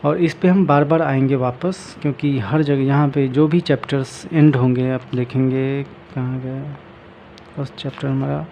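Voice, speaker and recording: Man teaching, reading slowly aloud. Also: mid-range voice, fairly even intonation, mellow, a little hiss or hum. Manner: mixes English and Hindi, reads English slowly aloud. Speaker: English vocabulary teacher. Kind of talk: explaining a book aloud.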